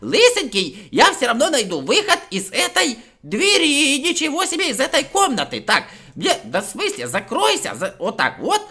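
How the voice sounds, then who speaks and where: Excitable male Let's Play host, high bright voice, giggly, playful catchphrases. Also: normal speed, hardly any pauses. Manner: excitable, giggly, addresses viewers as friends; repeats a nonsense catchphrase. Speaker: gaming video host.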